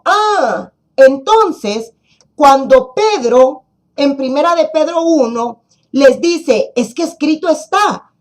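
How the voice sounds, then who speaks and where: Brief: woman congregation teacher, high voice, unhurried Bible lesson, leans on key phrases. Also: a little mellow. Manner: slow, deliberate, repeats and stresses key words.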